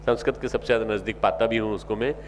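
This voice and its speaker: A man's voice: on the low side, fairly even intonation, racing, slight background noise. Exhorting man preaching to young people. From north India. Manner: exhorting, rising to loud emphatic calls; repeats key phrases for emphasis. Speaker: spiritual leader giving a discourse. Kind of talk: sermon to a youth camp.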